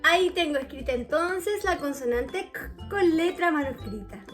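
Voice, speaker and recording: Woman, children's reading lesson, patient drawn-out delivery, faint background music. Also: high voice, expressive. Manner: slow, patient, drawn-out words with checking questions. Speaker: teacher.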